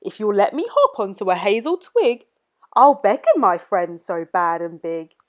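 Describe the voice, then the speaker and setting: A woman voicing a small, clever male mouse in a storybook reading, quick-witted and playful. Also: medium pitch, very animated. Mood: coaxing.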